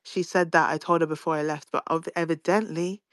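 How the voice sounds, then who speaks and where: A woman's voice: low-pitched, a little fast, no echo. Brief: young woman, chatty reality-show recap, frank and profane, dry close sound. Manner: animated, swearing, quoting others in mimicked voices. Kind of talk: casual gossip recap.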